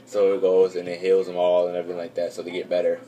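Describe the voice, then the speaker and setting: A man's voice: sits low, monotone, quick pace, dark tone. A young man giving a casual, rambling episode recap for his channel, full of fillers and restarts. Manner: rambling, filler-heavy, loses track. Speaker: YouTube reviewer.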